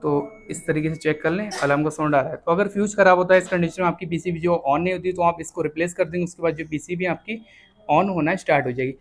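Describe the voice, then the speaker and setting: A man teaching a step-by-step repair, explaining each check plainly and often pausing to confirm with the viewer. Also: fairly high pitch, fairly even intonation, creaky. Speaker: repair instructor. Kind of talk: hands-on repair tutorial.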